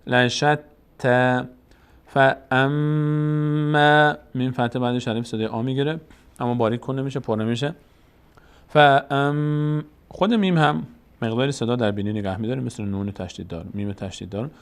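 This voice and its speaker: A man whose first language is Tajik teaches Quran recitation rules one step at a time in a medium-pitched voice. He explains each rule and then chants the verses slowly to demonstrate it.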